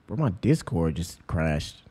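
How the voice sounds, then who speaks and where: A young man streaming a roleplay game, chatting casually with friends in an excitable, slangy way that keeps breaking into laughs. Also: low-pitched, measured pace, slightly rough.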